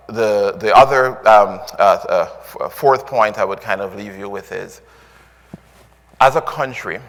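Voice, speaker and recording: A man with a Jamaican accent gives a conference talk in a low voice, stopping often with "um" and "uh" and restarting his sentences. The sound carries a long reverb from a large hall. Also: fairly bright tone. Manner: filler-heavy, restarts often, earnest. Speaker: conference speaker.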